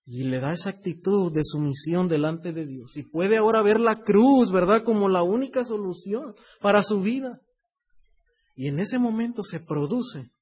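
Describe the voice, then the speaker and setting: Husky, high-voiced male preacher. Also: darkish tone. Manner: conversational preaching, often tagging "¿verdad?" and "hermano". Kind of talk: sermon.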